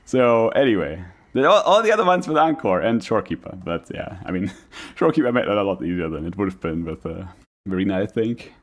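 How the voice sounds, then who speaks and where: Casual male streamer with lively, swinging pitch. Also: fairly quick. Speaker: streamer reacting to a video. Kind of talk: casual rambling reaction commentary.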